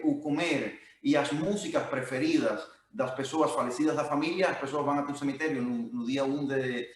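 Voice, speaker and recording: A man from Cuba with a Cuban Spanish accent, a native Spanish speaker mixing Portuguese and Spanish haltingly as he gives an informal talk. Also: medium pitch. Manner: halting, searching for words. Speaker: project musician speaking at a talk. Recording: very echoey room.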